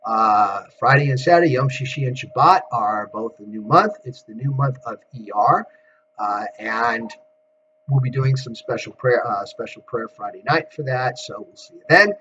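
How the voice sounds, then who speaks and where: Rabbi giving a chatty lo-fi sermon. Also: male voice, medium pitch, expressive, moderate pace, sharp tone, a little hiss or hum. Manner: conversational, asks rhetorical questions. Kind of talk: casual recorded sermon.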